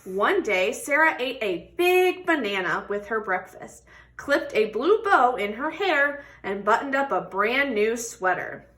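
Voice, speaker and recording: A woman's voice: a little high, very animated, unhurried, fairly bright tone. A woman reading a children's picture book aloud expressively, stretching words for emphasis and putting questions to young listeners. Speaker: read-aloud storybook reader.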